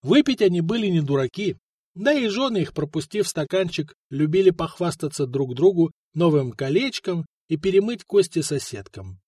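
A man narrating an audiobook in an even storytelling manner with a light ironic touch, recorded close to the mic. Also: on the high side, normal speed, slightly rough, no echo. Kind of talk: scripted narration.

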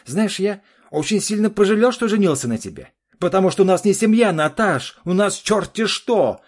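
A furious middle-aged father, as a man reads him in an audiobook. He shouts in a gruff, strained voice, pushed high and loud. It stays close to the reader's own voice. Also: lively intonation, fast, exaggerated voice. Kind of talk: audiobook reading.

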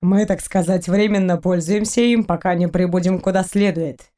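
A woman doing a gruff boozy space pirate man. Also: fairly low pitch, fairly even intonation, moderate pace, warm tone, close to an everyday voice. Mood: unbothered. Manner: grumbling, brash.

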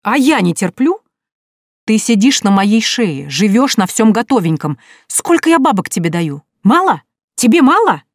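A woman's voice: a little high, sing-song, dry recording, clean studio sound, voice pushed up. A woman voicing a contemptuous, sneering husband in an audiobook. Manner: mocking, slow and sneering.

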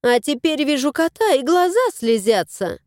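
A woman's voice: high voice, big pitch swings, moderate pace, darkish tone, no room sound, clean studio sound, pitched above the performer's own voice. A woman voicing a sweet-talking, scheming young woman guest in a storybook reading. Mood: impatient. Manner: sweet, affected. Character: sly sugary young woman house guest.

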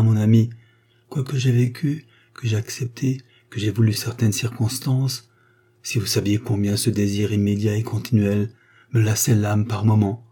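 A man's voice: fairly low pitch, warm tone, breathy edge. A man voicing a wistful refined woman of fifty. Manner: earnest, heartfelt confession. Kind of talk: audiobook reading of a short story.

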